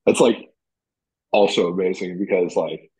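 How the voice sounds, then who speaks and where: A man's voice: sits low, a little slow, warm tone, slightly rough, rough recording. A man guesting on a podcast, joking in a self-deprecating way. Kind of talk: casual strategy discussion.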